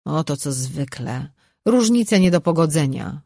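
An audiobook narrator voicing a weary, stern male demon who gives hard orders, in a husky, dry recording. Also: mid-range voice, lively intonation, measured pace, darkish tone, dry recording.

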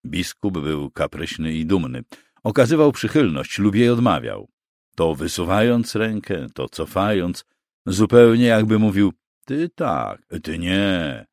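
Deep-voiced man narrating slowly. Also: no room sound, clean studio sound. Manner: expressive storytelling. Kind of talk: scripted narration of a historical story.

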